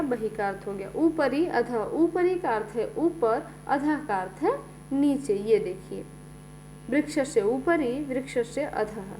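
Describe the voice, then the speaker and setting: Slow-speaking woman teacher. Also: on the high side, dark tone, low-quality recording. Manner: repeats "ठीक है" often, explains step by step. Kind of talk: slow classroom explanation. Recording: faint mains hum.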